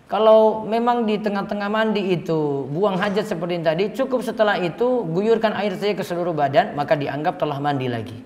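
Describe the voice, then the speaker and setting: Guy with a high voice doing a religious talk, reads questions then answers, big hall echo. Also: a little fast, a little mellow. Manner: reads out listeners' questions and answers them plainly. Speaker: Islamic teacher. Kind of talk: religious lecture with Q&A. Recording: echoey hall reverb.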